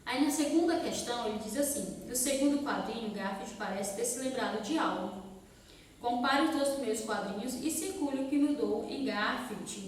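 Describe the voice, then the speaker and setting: A woman's voice: fairly high pitch, a little hiss or hum. A female primary school teacher, giving a recorded lesson to young children, patiently explaining and repeating key points, often asking a question and answering it herself. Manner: asks questions and answers them herself, frequent tag questions. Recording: very echoey hall from far off, faint ambience.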